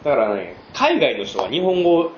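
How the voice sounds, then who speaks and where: A man with a Kansai accent co-hosting a casual podcast chat, telling stories quickly and laughing often. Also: medium pitch, a little hiss or hum. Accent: Kansai Japanese. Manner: animated, quick storytelling with frequent laughs. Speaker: podcast co-host. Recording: roomy, slightly dull home podcast audio.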